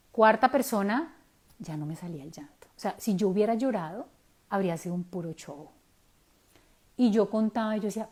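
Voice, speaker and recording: A Colombian woman in her forties, a self-help speaker, telling a personal story in a candid, animated way with slangy asides. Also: mid-range voice.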